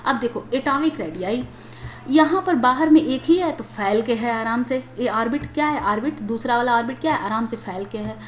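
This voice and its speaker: Woman teacher w a high voice, chatty, keeps asking and answering herself, echoey room. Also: animated, moderate pace. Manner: conversational, asks and answers her own questions. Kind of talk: explaining a chemistry lesson. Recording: echoey room with faint noise.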